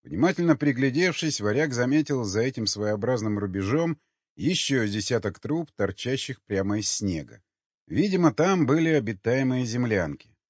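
Man narrating an audiobook, husky voice. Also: mid-range voice, very animated, moderate pace, no echo. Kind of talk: scripted narration. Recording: dull lo-fi dry recording.

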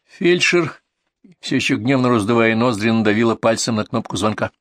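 Guy narrating an audiobook, mid pitch, steady reading, dry close recording. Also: moderate pace, dry recording. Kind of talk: scripted narration.

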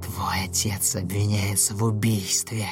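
A man voicing a dying, cruel female manticore in a storybook, with a hoarse, wheezing voice and a slow, gloating drawl. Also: lowish voice, level tone, music in the background, natural voice. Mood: menacing.

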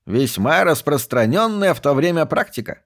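A man voicing an excitable, talkative old male museum archivist who snorts as he speaks, in a raised voice. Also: on the high side, moderate pace, pitched above the performer's own voice. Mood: eager.

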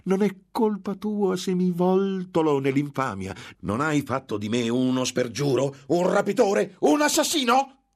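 A man playing a frenzied, guilt-ridden monk who rants and shouts with cruel, bitter laughs. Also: high-pitched, big pitch swings, measured pace, pitched above the performer's own voice, full character voice. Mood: raving.

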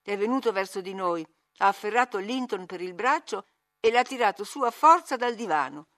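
A woman narrating a classic novel as an audiobook reader, measured and expressive. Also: mid-range voice.

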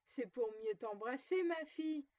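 A woman's voice: sits high, lively intonation, measured pace, darkish tone, no room sound. A woman voicing a sly, hungry male wolf in a storybook reading, coaxing and then menacing, on a dull lo-fi recording.

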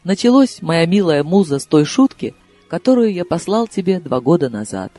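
A sly, tender lover with secrets, read by a male narrator, speaking low and close in an intimate, confiding tone. Soft music hums under the storybook reading. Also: sing-song, normal speed.

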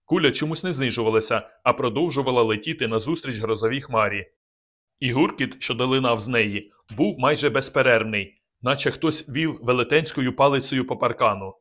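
A man narrating an audiobook in a calm, measured reading. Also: mid-range voice. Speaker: audiobook reader. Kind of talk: scripted narration.

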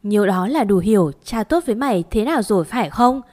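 A woman's voice: mid-range voice, expressive, fast, a little mellow, lightly acted. A stern, accusing sister-in-law in a spoken story, pressing the blame in a raised voice, as read by a woman narrator. Her tone is cold and reproachful.

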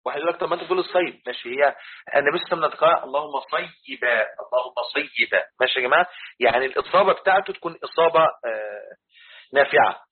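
A man's voice: fairly high pitch, animated, rapid-fire, slightly rough. A man with an Egyptian Arabic accent explaining Quran commentary to a class, repeating his points and often checking that listeners follow. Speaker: religious teacher. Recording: tinny phone-like recording.

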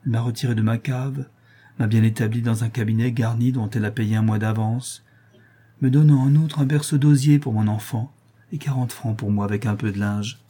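A man voicing a poor, ill young laundress in a hospice, telling her troubles in a soft, plaintive way. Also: mid-range voice, fairly even intonation, brisk, slightly rough, lightly acted.

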